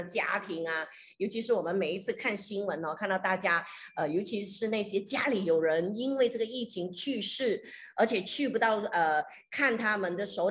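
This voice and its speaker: A woman pastor delivers a sermon in a conversational, storytelling manner. Her voice sits at a middle pitch, and she pauses often with fillers and slips English phrases into her talk. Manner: frequent hesitation fillers.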